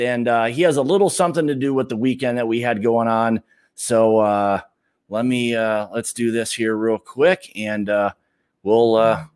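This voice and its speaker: A middle-aged man hosting a casual livestream from a home bar, talking in a relaxed, rambling way with lots of fillers. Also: mid-range voice, clean tone. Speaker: livestream host. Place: home bar room lined with bottles.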